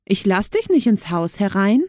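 Woman doing a squeaky frightened little piglet. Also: sing-song, moderate pace, a little mellow, no echo, clean studio sound, close to an everyday voice. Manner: high squeaky pleading.

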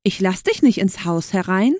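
Woman doing a squeaky frightened little piglet. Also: expressive, normal speed, a little mellow, no echo, clean studio sound, natural voice. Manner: high squeaky pleading.

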